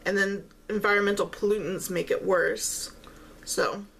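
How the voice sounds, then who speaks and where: Woman w lots of vocal fry talking casually while she eats and chews, halting, bit of background noise. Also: medium pitch, steady tone, a bit bright. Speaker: vlogger eating on camera while talking. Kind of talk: casual mukbang-style chat.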